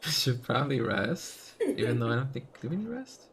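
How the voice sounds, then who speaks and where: A man's voice: mid-range voice, very animated, normal speed, fairly bright tone, a little hiss or hum. A man hosting a casual let's play, chatting and joking with a laugh while reading game text aloud.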